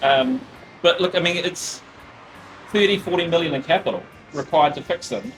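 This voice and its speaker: A man in his fifties with a New Zealand accent, a guest in a casual interview, talking bluntly and briskly with many restarts. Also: a little high, animated, over music. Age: 50s.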